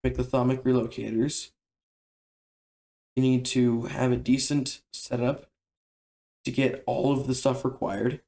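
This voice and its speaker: Casual male game tutorial narrator, mid-range voice with noticeable vocal fry, relaxed and chatty. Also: mid-range voice, measured pace, pauses often. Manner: relaxed, conversational explaining.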